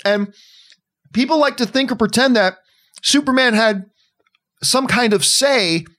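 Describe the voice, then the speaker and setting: A man's voice: extremely high pitch, unhurried, bright, forceful tone. A man on a podcast panel, talking passionately and emphatically, with an occasional curse. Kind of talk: casual podcast discussion.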